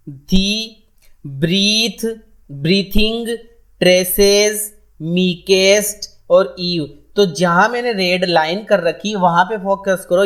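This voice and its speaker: A man teaching an exam-prep English lesson in Hindi mixed with English terms, repeating key points and answering his own questions. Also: sits high.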